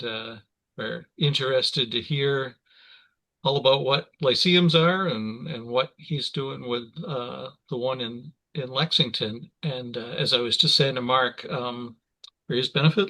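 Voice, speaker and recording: A man's voice: medium pitch, pushed and bright, poor audio. A man hosting and convening a community discussion group, speaking in a genial, hesitant way with many fillers. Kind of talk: casual meeting facilitation.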